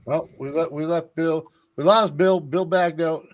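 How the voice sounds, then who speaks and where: A man's voice: on the high side, steady tone, unhurried, muffled recording, slight background noise. Rambling, sweary man in casual chat.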